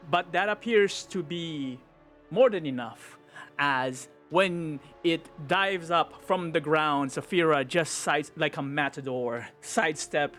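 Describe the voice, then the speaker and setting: Slow, descriptive male game master. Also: on the high side, fairly bright tone, soft background music. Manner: descriptive, laughs often. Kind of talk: narrating a tabletop game.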